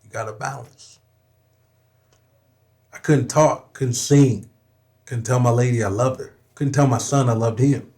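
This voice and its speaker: A man's voice: medium pitch, steady tone, a little slow, long pauses, dark tone. A young adult man from Southern California, a rapper guesting on a podcast, who tells a personal story in a candid, emphatic way, swearing often and repeating "you know what I'm saying".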